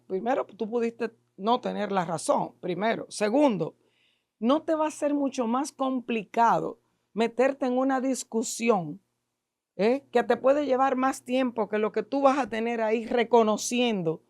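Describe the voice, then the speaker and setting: Appearing as a podcast guest, this Dominican-accented middle-aged woman, an expert in neuro-linguistic programming, lectures listeners about emotions with emphasis and plenty of rhetorical questions. Her pitch is fairly high and her tone darkish. It's studio-quality audio with no room sound.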